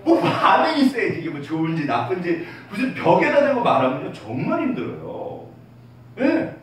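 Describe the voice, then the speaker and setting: Man, pastor, sermon, lively pitch, questions to the congregation, distant mic, heavy echo, faint room noise. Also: normal speed. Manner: lively, asks the congregation questions and answers them; drops to a soft hush when quoting God. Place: church sanctuary.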